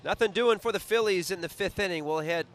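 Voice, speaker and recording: A man doing play-by-play for a baseball broadcast, chatty and animated, mixing calls with lively stories. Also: high-pitched, quick pace. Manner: chatty, animated storyteller with a laugh. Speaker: play-by-play announcer.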